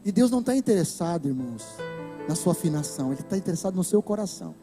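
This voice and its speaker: A man with a Brazilian Portuguese accent preaching a sermon to a church, impassioned and breaking into shouts. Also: high-pitched, very animated, fast, over music. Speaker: pastor. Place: church hall.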